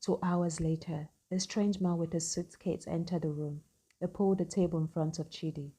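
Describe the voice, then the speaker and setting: A woman narrating a scripted story in an even, matter-of-fact way. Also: lowish voice, normal speed, slightly rough.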